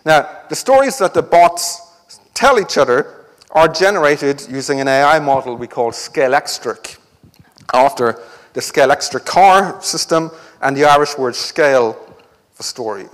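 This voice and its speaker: A man's voice: fairly high pitch, lively intonation, moderate pace, in a large hall. A man giving an academic conference talk with a wry, joking delivery. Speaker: conference speaker. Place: lecture hall.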